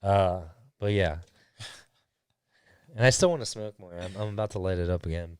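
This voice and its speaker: A man hosting his own podcast in casual chat, rambling and laid-back with many restarts, sounding high. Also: moderate pace, smooth, no echo, studio quality. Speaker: podcast host. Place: studio.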